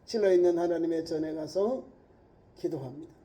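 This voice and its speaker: A man's voice: fairly high pitch, fairly quick, warm tone. A middle-aged male pastor preaching a sermon with emphatic rhetorical questions.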